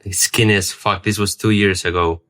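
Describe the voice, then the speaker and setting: Speaking at a moderate pace, this young adult man from Serbia has a lowish voice, fairly even intonation and a fairly bright tone. Serbian is his first language, and he vlogs a personal story to camera, rambling along, repeating himself and swearing in passing.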